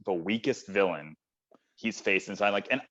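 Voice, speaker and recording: A man co-hosts a casual film chat, full of enthusiasm, rambling along with fillers. His voice sits fairly low. The audio is dull and lo-fi. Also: moderate pace, a bit bright. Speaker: podcast co-host. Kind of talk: casual chat about films.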